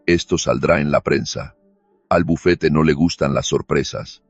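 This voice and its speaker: A man's voice: rumbling low, steady tone, slightly rough, no echo, exaggerated voice. A man voicing a nervous younger man who is panicky and eager to avoid trouble, speaking tensely. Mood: uneasy. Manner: tense, hurried, keen to stay out of it. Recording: dull lo-fi recording with faint music.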